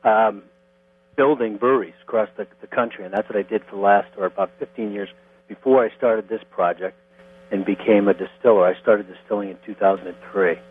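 A middle-aged man from Connecticut, a distiller being interviewed, explaining things step by step in a plain, unhurried way. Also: on the low side, steady tone, husky. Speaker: guest, distiller. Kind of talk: phone interview. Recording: tinny phone line with mains hum.

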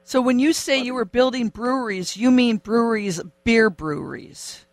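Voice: mid-range voice, moderate pace, no echo. Curious interviewer with a dry, close voice. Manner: curious, asks follow-up questions. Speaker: radio interviewer. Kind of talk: interview questions.

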